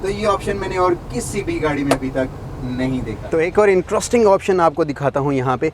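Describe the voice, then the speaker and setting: A man's voice: fairly high pitch, animated. Man, casual car review, demonstrating as he talks, frequent fillers, inside a vehicle, faint background noise. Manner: explains by demonstrating, many fillers. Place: inside a large SUV.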